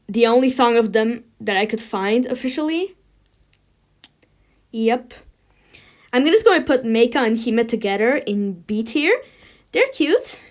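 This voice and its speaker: A woman ranking things in a tier list, chatting casually and giving blunt opinions with lots of filler words. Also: a little high. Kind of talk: casual chat.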